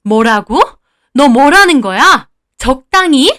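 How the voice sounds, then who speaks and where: A woman voicing an older, quick-tempered mother-in-law who scolds and sneers. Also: high voice, expressive, fairly bright tone. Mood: furious.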